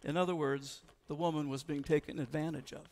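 Male pastor, sermon, conversational, high and gravelly, long church echo. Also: fairly even intonation, fairly quick, darkish tone. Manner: conversational, asks the congregation questions. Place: church sanctuary.

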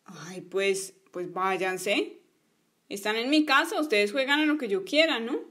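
A woman's voice: on the high side, measured pace, a bit bright. A woman voicing a bossy, stubborn young boy in a toy play story, whiny in manner.

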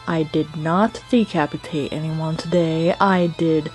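A petty, imperious ghost king played by a woman protests and threatens with huffy indignation. It is a homemade dub of a video game comic, delivered at an unhurried pace. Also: low voice, fairly even intonation, a little mellow, soft background music, voice pushed down. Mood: huffy, menacing.

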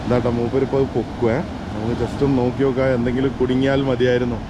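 Excitable man vlogging in mix, noisy outdoors. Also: mid-range voice. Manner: Malayalam mixed with casual English words; excitable, exclaiming, chatty with bystanders. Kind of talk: casual on-location fishing vlog. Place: outdoors at a dam. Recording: noisy outdoor recording with rushing water.

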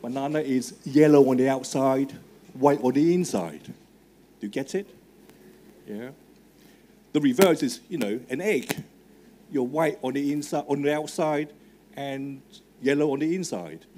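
Measured and pausing often, a middle-aged man speaks in a mid-range, dark-toned voice. A native Cantonese speaker with a Hong Kong English accent, he holds a handheld microphone on the stage of a large marquee tent, addressing students live in a conversational way with fillers and audience questions.

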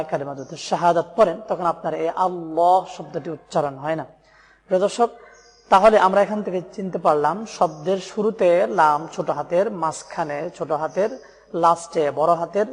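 A man with a Bangladeshi Bengali accent teaching Quran pronunciation, patiently repeating letter names slowly for learners. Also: on the high side, big-room sound. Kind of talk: step-by-step pronunciation lesson.

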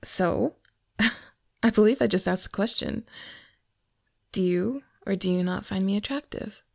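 A voice actress in an ASMR audio roleplay plays a playful, teasing adult best friend, flirty and confidently coaxing. She speaks at medium pitch in a soft, breathy near-whisper, slow and intimate, giggling softly again and again. The sound is clean studio audio without room sound.

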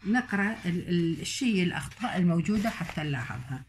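A woman teaching a recorded online lesson, speaking slowly and repeating example words. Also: on the low side, animated, slight background noise.

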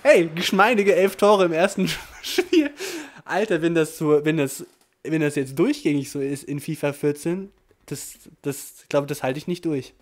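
A man commentating his own football video game match, excitable, swinging from low muttering to shouting. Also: normal speed. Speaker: gaming commentator. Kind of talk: live Let's Play commentary.

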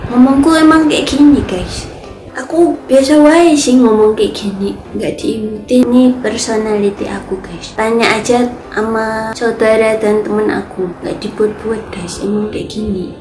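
Slow cutesy Javanese-accented young woman. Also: fairly high pitch. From Central Java, Indonesia. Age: 20s. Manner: cutesy, chatty, defensive. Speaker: vlogger. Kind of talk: casual chat reading comments. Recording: echoey room, faint music behind.

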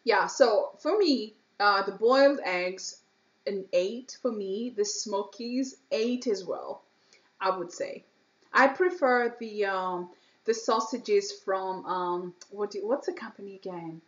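A woman's voice: medium pitch, takes it slowly, highs cut off. A woman with a Kenyan accent giving casual, effusive vlog commentary and explaining street food as a guide.

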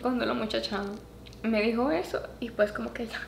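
A woman vlogger and mother telling a story casually to her viewers, animated, with a higher pitch whenever she acts out what others said. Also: moderate pace, creaky. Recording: echoey room with faint background noise.

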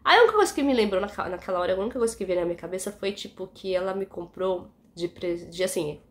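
Brazilian woman, Brazilian Portuguese accent, young adult, quick talker, chatty indignant vlog storytelling. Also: mid-range voice. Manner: chatty, indignant, frequent "tá?" asides. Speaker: vlogger.

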